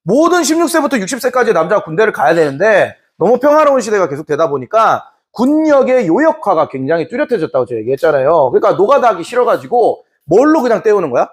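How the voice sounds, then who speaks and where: A man teaching a Korean history class in a lively way, now and then acting out short scenes in put-on voices. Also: sits high, quick pace, few pauses. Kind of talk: classroom lecture.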